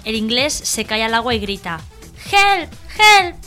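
A woman's voice: a little high, a little fast, sharp tone, soft background music. A woman telling short jokes on a radio humor show. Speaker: radio comedy co-host.

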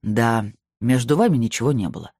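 A man's voice: medium pitch, animated, a little mellow, dry recording, studio quality. A reader doing a stern, weary male medium. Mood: curt. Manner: slow, clipped and curt.

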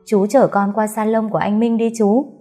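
A woman's voice: mid-range voice, flat delivery, moderate pace, warm tone, faint music behind, lightly acted. A woman voicing a young woman in an audiobook who scolds sharply and then pleads in panic. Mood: flat. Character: frightened, sulky young woman.

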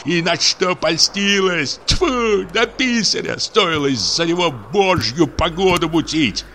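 A man's voice: fairly high pitch, lively intonation, slow pace, bright, forceful tone, slight background noise, pitched above the performer's own voice, heavily acted. A man doing a whining, frantic village sexton. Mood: whining tirade. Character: grumbling, superstitious male village church sexton.

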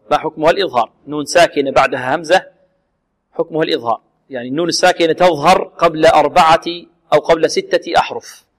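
A man teaching the rules of Quran recitation, slowly sounding out letters and syllables, then asking his own questions and answering them. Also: on the high side, big-room sound. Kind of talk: tajweed lesson with demonstrations.

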